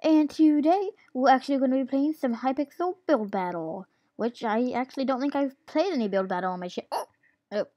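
A woman's voice: high-pitched, animated, fairly quick, hardly any pauses, no echo, highs cut off. A woman giving casual gameplay commentary as a YouTuber, giggly and hesitant with lots of ums, while she has the hiccups. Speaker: gaming YouTuber.

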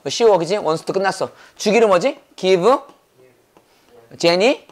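A man teaching English grammar in a brisk lecture, drilling points over and over and firing rhetorical questions at his students. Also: sits high, expressive. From South Korea. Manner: quizzing with rapid rhetorical questions. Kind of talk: classroom lecture.

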